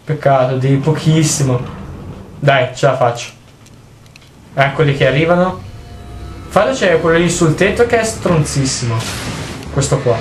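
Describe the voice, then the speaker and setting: A young man giving jokey, excitable let's play commentary while he plays, swearing often. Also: on the high side, measured pace, long pauses. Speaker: gaming video host. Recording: roomy with faint noise.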